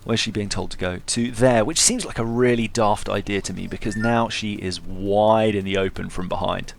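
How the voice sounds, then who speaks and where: Casting: male let's-play commentator, slightly low pitch, hungover, loose and informal, trips over words. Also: steady tone, moderate pace, vocal fry. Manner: stumbling over words, self-correcting. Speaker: video game commentator.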